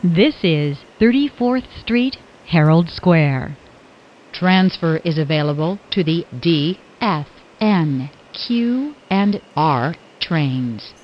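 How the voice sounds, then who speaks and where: Slow, lowish-voiced woman announcing subway stops. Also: lively intonation. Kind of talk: scripted automated transit announcement. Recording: dull, lo-fi announcement audio.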